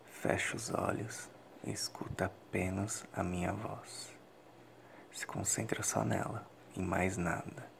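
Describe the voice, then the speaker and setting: A man with a Brazilian accent in a whispered role-play, giving intimate, slow and deliberate instructions in a breathy close whisper to an adult listener. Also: low voice, level tone.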